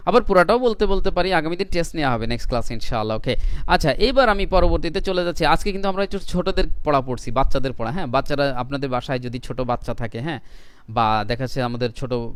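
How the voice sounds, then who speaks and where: Higher-voiced male teacher, dry and clear. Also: no room sound. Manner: repeats words slowly to model pronunciation; mixes English phrases into Bengali explanation. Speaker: English pronunciation teacher. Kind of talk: online lesson.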